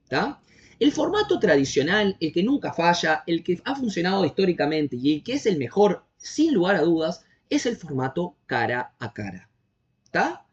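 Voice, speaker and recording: A man with a Uruguayan accent teaching an online class, explaining step by step and often checking that his students are following. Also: sits high. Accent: Uruguayan Spanish. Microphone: video call. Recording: dull lo-fi video call audio.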